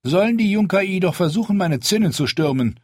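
A man voicing a young, proud and stubborn queen in an audiobook, speaking firmly with a raised pitch. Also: expressive, a little fast, a little mellow, no room sound, studio quality. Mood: resolute. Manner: raised pitch, firm commanding delivery. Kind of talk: audiobook character voice.

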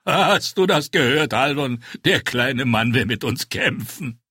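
A man voicing a big, brash, bearded knight who talks loud and boastful in a storybook reading. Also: medium pitch, lively intonation, measured pace, slightly rough, dry recording, studio quality, pitched above the performer's own voice, exaggerated voice. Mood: blustering.

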